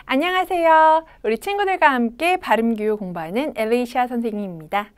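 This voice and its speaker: A young woman teaching English pronunciation to children, modeling words slowly for them to repeat and praising them. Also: fairly high pitch, expressive, clean tone. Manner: bright, encouraging teacher voice. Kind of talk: children's phonics lesson.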